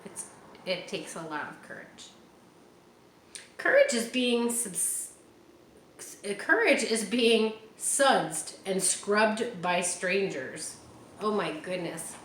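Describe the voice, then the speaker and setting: Here a woman with a mid-range voice reads slowly, leaving long pauses, as she shares a picture book with children and talks to them between pages. Her manner is animated and directed right at the young audience, with chatty asides woven into the read-aloud. There's a roomy echo and faint ambient hiss on the audio.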